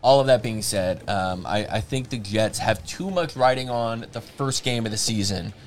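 A man's voice: fairly low pitch, normal speed. Male podcast host, loose and rambling, swears a lot, faint music behind. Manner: rambling and profane, with many fillers and restarts. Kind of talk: casual podcast chat.

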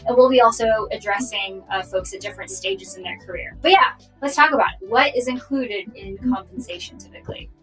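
A young adult woman hosting a casual live-streamed interview, chatty with many fillers, heard through low-quality stream audio. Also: a little fast, hardly any pauses, fairly bright tone. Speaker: host. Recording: distant low-quality stream mic, faint music.

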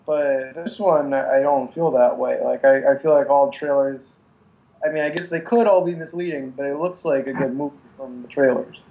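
A man's voice: medium pitch, moderate pace. Man, podcast guest, casual chat, hedging, muffled recording.

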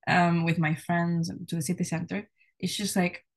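A woman's voice: on the low side, level tone, normal speed. A young woman from Spain, a university student, chatting casually as a podcast guest, with many "like" and "you know" fillers. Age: young adult.

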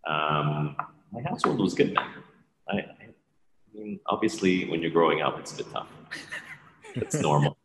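A man who grew up in Hong Kong, a podcast guest chatting casually and relaxed, laughing often between phrases. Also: low-pitched, measured pace, pauses often, noisy background. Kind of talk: casual chat. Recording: roomy with long reverb.

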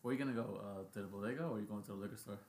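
A man's voice: lowish voice, rapid-fire, darkish tone, roomy sound. A man hosting a casual podcast among friends, swearing freely and laughing through the banter. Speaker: podcast host.

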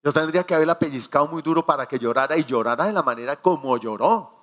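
A man preaching a sermon, telling stories with acted asides and slowing down to stress key phrases. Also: a little high, fairly bright tone. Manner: storytelling with acted asides and quoted prayers.

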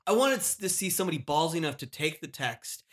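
A man's voice: fairly high pitch, lively intonation, fast talker. A man in casual podcast chat, rambling and circling back, often trailing off mid-thought.

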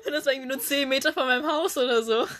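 Young woman, highish voice, animated storytelling, laughs a lot, dry close sound. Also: rapid-fire, no room sound. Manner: animated, acts out her younger self with sudden loud cries; laughs often while telling. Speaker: podcast co-host. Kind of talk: casual storytelling chat.

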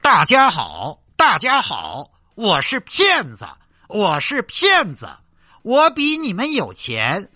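A man voicing a mocking recorded chant of a self-confessed cheat, slow and sing-song. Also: high-pitched, huge pitch swings, bright, forceful tone, dry recording, clean studio sound, full character voice.

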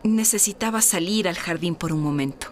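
A woman's voice: lowish voice, fairly quick, faint music behind, lightly acted. A woman playing a refined, romantic lady in a historical audio drama, speaking formally and earnestly as if confiding. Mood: composed, resolute. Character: refined, candid married lady, romantic and independence-minded.

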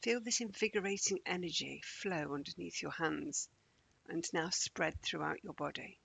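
Soft, husky, creaky man guiding meditation. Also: fairly high pitch, poor audio. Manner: slow, calming, gentle instruction, often near a whisper. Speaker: guided meditation host. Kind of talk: soft, soothing guided morning meditation.

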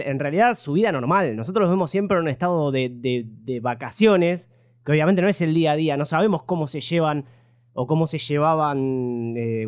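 A man's voice: fairly high pitch, no room sound, clean studio sound. A man discussing a film casually on a podcast, talking at length with frequent restarts. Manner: talkative, hesitant with frequent restarts.

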